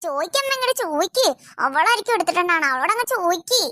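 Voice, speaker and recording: A woman's voice: extremely high pitch, expressive, quick pace, bright, forceful tone, dry recording, clean studio sound, exaggerated voice. A woman voicing a sulky elder daughter in a family cartoon who complains that she is always the one blamed. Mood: accusing. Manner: complaining, accusatory.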